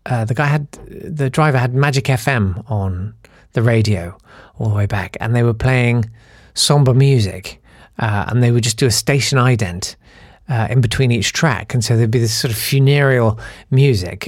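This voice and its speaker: A man's voice: on the low side, dry recording, clean studio sound. A man hosting a podcast, telling a rambling, self-deprecating anecdote with many fillers and restarts. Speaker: podcast host. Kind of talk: casual anecdotal monologue.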